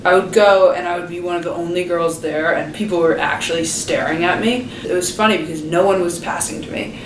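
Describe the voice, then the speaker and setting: A woman's voice: fairly low pitch, steady tone, fairly quick. A young woman, a college student athlete, casually recounting her experience in an interview. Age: young adult. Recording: roomy, distant, noisy.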